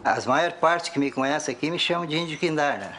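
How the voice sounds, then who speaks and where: A man's voice: on the high side, animated, fairly quick, a bit bright, a little hiss or hum. A man, a wrestler chatting casually in a plain, colloquial way for a documentary interview. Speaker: lucha libre wrestler.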